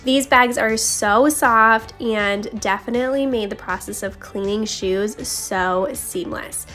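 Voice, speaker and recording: Speaking slowly in a mid-range, pushed and bright voice, a woman gives confiding voice-over narration for her home vlog. She chats straight to viewers, her voice slightly scratchy and in need of a throat-clear, over background music.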